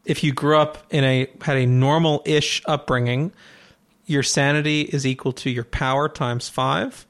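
A man's voice: mid-range voice, steady tone, moderate pace. Teasing male game master. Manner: dry, teasing while explaining rules. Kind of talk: running a tabletop game session.

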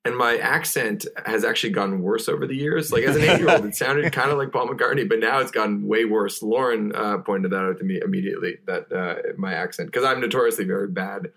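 A man's voice: lowish voice, fairly quick, creaky, hardly any pauses, a bit bright. Self-deprecating man on the phone. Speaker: podcast producer. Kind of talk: casual podcast chat.

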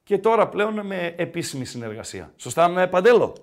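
A man hosting a podcast, talking sport in a casual, joking, animated way. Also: high voice. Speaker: podcast host.

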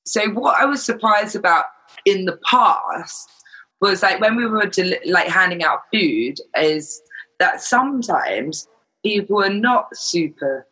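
A man with a fairly high, sharp and forceful voice that has a raspy edge. He chats casually and frankly, explaining his point and slipping into imagined quotes. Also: expressive, unhurried, poor audio. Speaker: charity volunteer. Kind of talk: casual chat.

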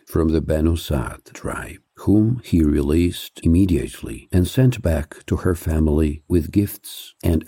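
A man narrates a scripted history in a steady, measured read that slows down to weigh each item of a list. His voice sits low and sounds very dark and mellow. It is recorded dry and close, with no room sound. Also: husky, dry recording. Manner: measured, even reading with slowed, stressed lists.

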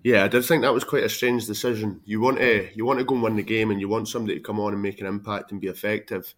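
Male panellist, moderately low voice, informal football analysis for a podcast. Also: fairly even intonation, quick pace.

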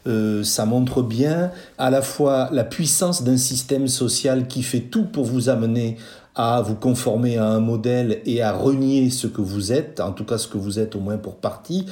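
A man explains his field in a measured interview answer, pausing often to find the right words. His voice is mellow and dark. The sound carries a roomy echo around him. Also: medium pitch. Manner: measured, deliberate, many hesitations. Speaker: linguist guest.

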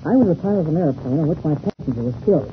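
An actor playing an earnest, excitable young airplane pilot in an old-time radio serial. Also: male voice, on the high side, rapid-fire, natural voice. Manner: earnest, eager. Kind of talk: 1930s radio serial acting. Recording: muffled old radio recording, faint noise.

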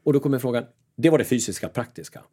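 A man working as a mental coach talks in a husky voice of medium pitch. He gives casual advice in a lively, self-deprecating style while playing out his inner voices.

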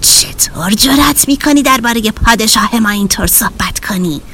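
A menacing fire dragon from a children's storybook, as a woman puts it on, hissing its threats in a low, breathy whisper. Faint hiss sits behind the voice. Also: expressive, pushed and bright.

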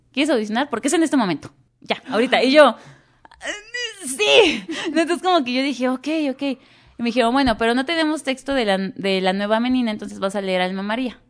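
A young woman with a Mexican Spanish accent, an actress chatting in an interview and acting out the dialogue in her stories. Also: on the high side. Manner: animated, acts out quoted dialogue. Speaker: guest actress. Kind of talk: casual interview storytelling.

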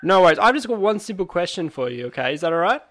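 Blokey young host, higher-pitched voice. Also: male voice, sing-song, racing, a bit bright. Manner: blokey, sweary, joking. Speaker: show host. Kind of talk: casual banter on a beer-tasting show.

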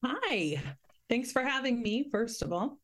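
A woman's voice: on the high side, big pitch swings, measured pace. A woman in her forties, a podcast guest chatting in a friendly, easygoing way. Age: 40s. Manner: friendly, easygoing, some hesitations. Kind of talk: casual podcast chat.

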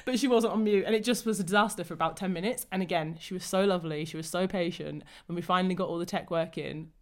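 A woman's voice: on the low side, quick pace. Enthusiastic woman podcast host. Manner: enthusiastic, reflective. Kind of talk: casual conversation.

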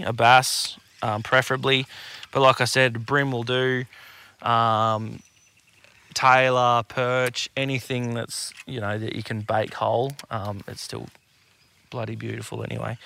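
A gravelly, bright, forceful voice of medium pitch belongs to an Australian podcast co-host. He chats casually in easygoing blokey tradesman talk, heavy on slang and swear words.

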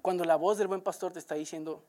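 A woman's voice: on the low side, steady tone, fast, a little mellow. A woman preaching a sermon, speaking earnestly and directly to listeners and repeating words as she builds each point.

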